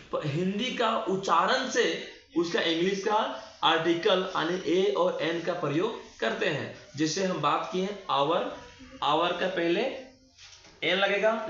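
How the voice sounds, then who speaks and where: His voice high and fairly bright, a male teacher delivers a grammar lesson in classroom fashion. Rhetorical questions come often, each answered by himself, and spelled words are drawn out. The room is echoey and the recording dull and lo-fi.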